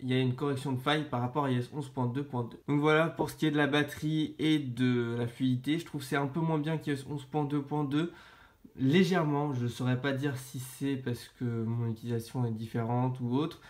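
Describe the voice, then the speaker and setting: A man's voice: medium pitch, fairly even intonation, fairly quick. A man with a French accent presenting an informal tech explainer to viewers, sounding stuffy-nosed, tired and sick with a sore throat. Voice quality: congested, stuffy nose. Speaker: tech video host.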